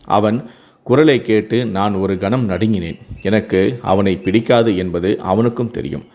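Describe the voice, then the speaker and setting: A man narrating a first-person family drama story in a steady, earnest reading voice. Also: fairly low pitch, unhurried.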